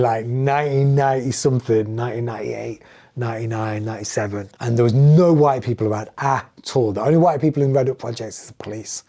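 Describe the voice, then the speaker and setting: A middle-aged man from England with an English accent, a music producer telling stories as a podcast guest and acting out the lines of the people in them. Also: mid-range voice. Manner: animated storytelling, acting out quoted dialogue. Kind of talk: casual podcast conversation.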